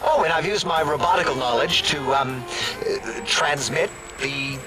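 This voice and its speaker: An actor playing an insecure, sardonic robot scientist in a video game, with a flippant, halting, awkward delivery. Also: male voice, a little high, close to an everyday voice, rough recording. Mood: awkward, defensive. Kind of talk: comic video game voice acting. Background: music.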